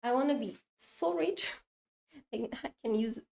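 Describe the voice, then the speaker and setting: A young woman streaming while she draws, chatting casually to her viewers in a rambling, excitable way that keeps breaking off mid-sentence. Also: fairly high pitch, takes it slowly, creaky. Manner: rambling, self-interrupting, excitable.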